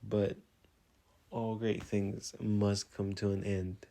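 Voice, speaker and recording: Low-voiced guy doing a chatty fight recap. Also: level tone, takes it slowly, vocal fry, dark tone. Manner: chatty and loose, lots of "like", openly fannish. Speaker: sports vlogger. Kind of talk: casual fight recap commentary.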